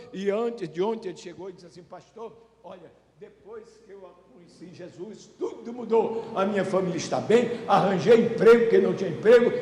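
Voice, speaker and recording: High-voiced pastor preaching in echoey church. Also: male voice, dark tone. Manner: storytelling, acting out quoted dialogue, then slow emphatic preaching. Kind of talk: Pentecostal sermon with testimony. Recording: reverberant church hall with faint rumble.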